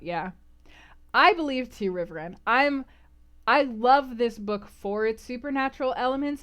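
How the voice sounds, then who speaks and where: A woman hosts a relaxed book club stream, chatting about the reading and replying to viewers in a lively, emphatic, conversational style. Her pitch is medium.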